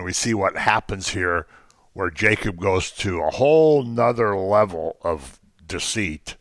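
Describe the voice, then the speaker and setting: A man's voice: deep voice, a bit bright, dry recording, studio quality. A man teaching an informal Bible class, talking conversationally with frequent ums and jokey asides to the class.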